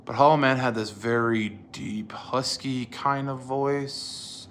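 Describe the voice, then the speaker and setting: A man's voice: mid-range voice, steady tone, takes it slowly, a bit bright, slight background noise. A man in his twenties telling a casual, rambling story about his old video series, with lots of fillers and restarts.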